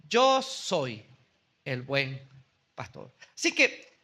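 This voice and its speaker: A man pastor preaching a sermon in a church, earnestly slowing down on key phrases for emphasis. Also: very high voice, sharp tone. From Venezuela.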